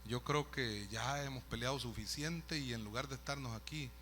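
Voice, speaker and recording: A man's voice: medium pitch, moderate pace, pushed and bright, slight background noise. A man, a pastor telling a story in a sermon, conversational with asides to the listeners. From El Salvador. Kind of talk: sermon testimony.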